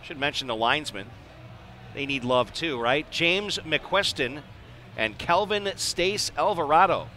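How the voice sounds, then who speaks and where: Calling a live hockey game, an American man speaks in a slightly high, bright, forceful voice, animated but at a measured pace. His delivery is conversational and clipped, and the arena broadcast has clear background noise.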